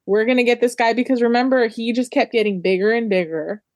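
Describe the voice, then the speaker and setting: A woman's voice: a little high, fairly even intonation, fast, no echo. A woman with a slightly raised voice chats casually about a book with her friends, stringing thoughts together with plenty of "like". The sound is close and dry, with no room around it. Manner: chatty, heavy use of "like" fillers. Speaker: book discussion co-host. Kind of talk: casual book club chat.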